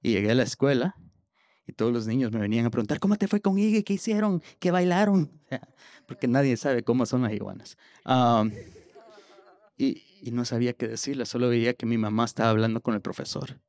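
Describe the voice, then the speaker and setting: A man telling a personal story on stage in a lively way, often stumbling over repeated words as he restarts. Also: mid-range voice, brisk, dry recording. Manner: animated, with stammered restarts.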